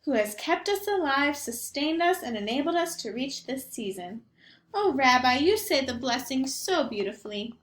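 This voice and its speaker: In a high, lively voice at an ordinary speed, a woman portrays a chatty, kindly granny who can barely see or hear. She fusses affectionately in a sing-song way, and the sound is reverberant.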